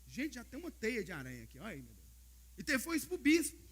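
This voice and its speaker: A male Brazilian pastor delivers his sermon with a very high, bright, pointed tone and a husky edge. His pitch rises and falls widely as he tells stories to his congregation. He keeps coming back to the brothers in the pews. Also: fast talker. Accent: Brazilian Portuguese. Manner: animated storytelling preacher, repeats "brothers" often. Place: church service.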